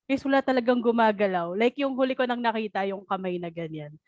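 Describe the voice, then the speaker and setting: A woman's voice: on the high side, fast, a little mellow, no echo, lo-fi sound. A woman with a Filipino accent chatting casually during a game, switching between Tagalog and English mid-sentence. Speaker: game participant guessing. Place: video call.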